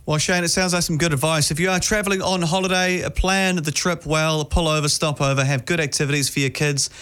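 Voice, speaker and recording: A man with a New Zealand accent, hosting a breakfast radio show in a smooth radio host delivery, polished and friendly. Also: fairly high pitch, fairly even intonation, a little fast, fairly bright tone.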